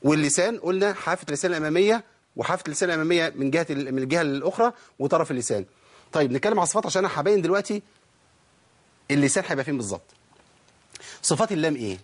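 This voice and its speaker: Egyptian male tajweed teacher, quick delivery, fairly high voice, quizzes the class. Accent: Egyptian Arabic. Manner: explains with repeated questions to the listeners, demonstrates sounds. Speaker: Quran recitation teacher. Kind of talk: tajweed lesson.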